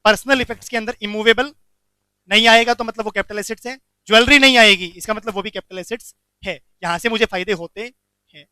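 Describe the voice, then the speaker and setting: A man teaching a commerce lecture, animated, asking the class questions and answering them himself. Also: high voice, a little fast, smooth, dry recording.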